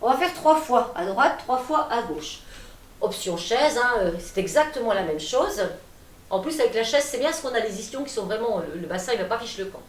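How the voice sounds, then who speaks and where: A woman teaching a gentle gym class, calmly cueing breaths and movements while she demonstrates. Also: fairly high pitch, moderate pace, a little hiss or hum. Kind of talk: guided exercise class. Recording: echoey room, voice from a distance.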